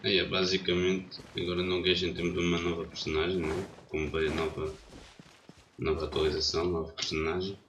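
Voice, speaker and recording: Fairly quick and low, with hardly any pitch variation, this congested young streamer talks hesitantly while getting his gaming stream ready. Background noise runs underneath.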